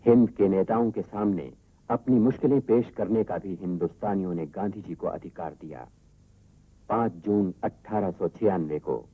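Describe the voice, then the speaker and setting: Deep husky man on old worn tape. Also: dry recording, phone-quality sound. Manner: measured, formal delivery. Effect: old worn tape recording. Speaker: documentary narrator. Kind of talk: scripted documentary narration.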